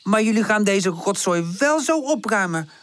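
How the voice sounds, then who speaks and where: A woman's voice: mid-range voice, lively intonation, moderate pace, close to an everyday voice. A woman voicing a tidy, bossy young female dog in a children's audiobook, often scolding and exasperated. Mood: fussing. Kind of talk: audiobook character voice.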